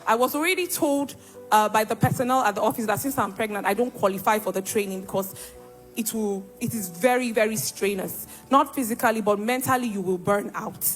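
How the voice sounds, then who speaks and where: A woman's voice: medium pitch, a little fast, soft background music. A young woman giving an emphatic church testimony and acting out the dialogue as she tells her story.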